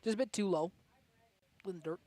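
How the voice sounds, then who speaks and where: A man's voice: high voice, a little fast, warm tone. A man giving baseball color commentary, playful and jokingly boastful in his banter.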